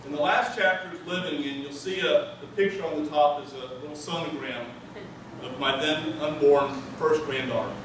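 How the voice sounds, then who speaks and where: A man's voice: on the high side, steady tone, normal speed, a bit bright. An older man, an author, talks informally to an audience. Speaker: author, speaker at a reading. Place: echoey room before a live audience. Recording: echoey room, far from mic, noisy.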